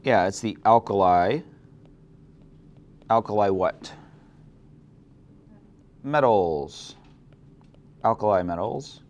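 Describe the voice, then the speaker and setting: A young man teaching a chemistry class, explaining things in a relaxed way and asking students questions. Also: on the low side, slow, long pauses, dull audio. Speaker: chemistry instructor. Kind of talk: classroom lecture.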